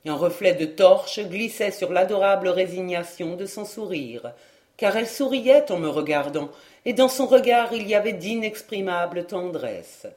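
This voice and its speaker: An audiobook reader narrating a classic novel in the first person, in a measured, literary style. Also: mid-range voice, lively intonation, a little mellow. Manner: slow, measured reading.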